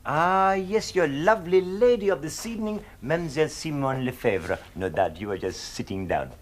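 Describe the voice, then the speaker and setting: A smooth, teasing French casino manager, played by a man with a put-on French accent. His voice sits a little high and swoops lively, mock-polite as he probes the guests in a 1970s TV mystery. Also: normal speed, natural voice. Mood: polite probing. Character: suave male French casino manager, inquisitive. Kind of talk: 1970s TV whodunnit acting.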